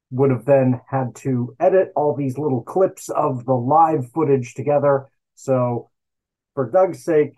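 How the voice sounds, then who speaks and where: A man's voice: mid-range voice, darkish tone, slightly rough, rough recording. A man hosting his own podcast, talking in a casual, meandering monologue full of self-corrections and dry sarcastic asides. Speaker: podcast host and writer.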